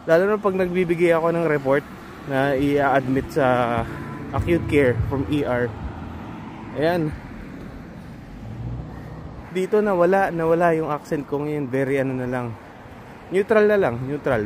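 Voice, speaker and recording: A man from the Philippines, a registered nurse and vlogger, chatting casually to his viewers and often pausing to search for words. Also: fairly high pitch, darkish tone, slight background noise. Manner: rambling, searches for words aloud.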